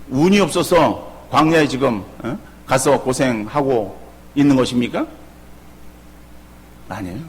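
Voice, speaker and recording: Middle-aged pastor preaching, husky voice, swoops up and down a lot, big echoey church. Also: male voice, medium pitch. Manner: animated preaching with frequent rhetorical questions. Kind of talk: sermon. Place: church sanctuary.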